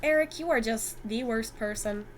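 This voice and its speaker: Giggly high-voiced woman streamer. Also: normal speed, slight background noise, low-quality recording. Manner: playful, giggly, reads narration aloud. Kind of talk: casual live-stream game reading.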